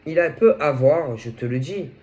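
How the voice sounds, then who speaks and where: A woman tarot reader with a head cold and sore throat gives a casual reading, speaking haltingly and often searching for words. Her voice is low-pitched, expressive, and mellow, and the audio sounds dull.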